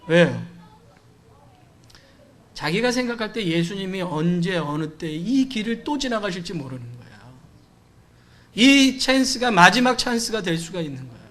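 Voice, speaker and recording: A man's voice: sits high, very animated, moderate pace, pauses often. A man preaching a sermon in church, talking to the congregation in a conversational way and acting out the cries and dialogue of the people in his story. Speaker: pastor. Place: church sanctuary.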